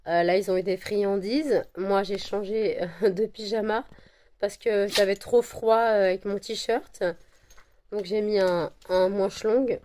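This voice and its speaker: A woman with a croaky voice from a cold, chatting casually to camera with many fillers and repeated words. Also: steady tone, unhurried, a little mellow. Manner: coos at her dogs in a high sing-song. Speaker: vlogger selling handmade candles and wax melts.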